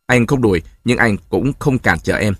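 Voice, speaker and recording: A man voicing a calm, sardonic husband in his forties. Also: lowish voice, moderate pace, slightly rough, no echo, clean studio sound. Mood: cool. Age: 40s. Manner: cool, mocking, then gentle with his child.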